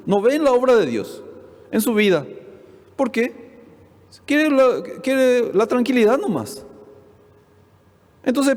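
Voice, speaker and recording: A man's voice: high voice, a little mellow. A man, preaching a sermon as pastor, often asking the congregation questions and acting out what the people in the story say. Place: church hall. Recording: long reverb of a church hall.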